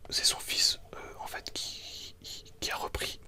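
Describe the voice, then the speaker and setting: A person speaking in a hushed library whisper, casually explaining things in an ASMR book review. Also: a little slow. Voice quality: soft, unvoiced whisper. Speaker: ASMR video creator.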